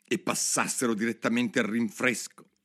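A man voicing a curious, easily indignant little girl in a storybook reading, in a hushed voice. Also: mid-range voice, steady tone, moderate pace, pitched above the performer's own voice, natural voice. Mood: musing.

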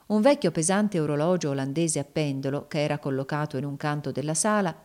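A woman narrating a classic novel in a measured, subdued audiobook reading. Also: low voice, a little mellow.

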